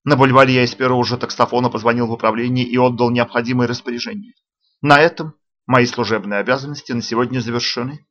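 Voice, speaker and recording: A man's voice: medium pitch, steady tone, fast talker, fairly bright tone. Man reading a detective audiobook. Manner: dry, ironic. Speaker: audiobook narrator. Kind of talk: first-person detective narration. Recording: dull lo-fi audio.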